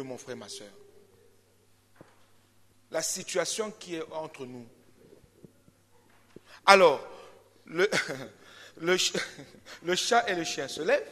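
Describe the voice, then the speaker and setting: A man's voice: a little high, sharp tone. A male pastor preaching a sermon, repeating his points emphatically and using caricatured animal stories. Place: church. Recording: reverberant church hall.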